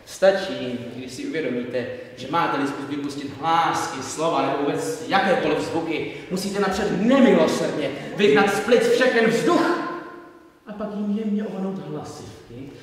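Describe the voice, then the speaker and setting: A pompous professor holds forth in a declamatory lecture, played by a man on stage. His voice sits slightly high and swings from hushed to booming. The recording is distant and roomy, with a long stage reverb. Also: natural voice. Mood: declaiming. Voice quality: theatrical, declamatory, swinging between whisper-soft and loud. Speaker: stage actor. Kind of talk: live theatre performance. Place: theatre stage. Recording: echoey stage recorded from far off.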